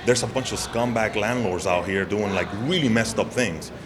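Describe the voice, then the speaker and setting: A man's voice: fairly low pitch, moderate pace, crowd noise. A man from Venezuela answering a street interview, casual and thoughtful, hedging as he talks. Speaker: passerby. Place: outdoors on a city street. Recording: street noise behind.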